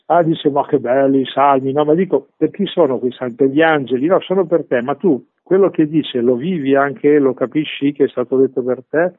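A man's voice: fairly high pitch, fairly quick, hardly any pauses. Chatty male radio preacher, tinny line. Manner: animated, chatty, asks rhetorical questions and laughs. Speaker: priest leading a radio meditation. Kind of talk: conversational radio meditation. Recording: phone-like radio broadcast.

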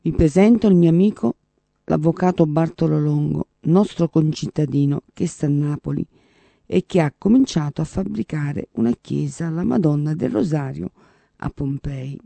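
A man's voice: on the high side, moderate pace, creaky, dark tone, no room sound. A man voicing an earnest, devout male professor who explains and quotes scripture.

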